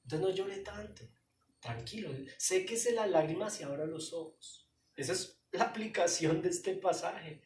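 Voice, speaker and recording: A man's voice: high voice, a little slow, darkish tone, a little hiss or hum. A man preaching a sermon as pastor, emphatic and pleading, speaking straight to his listeners. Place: church hall. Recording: echoey hall, voice from far off.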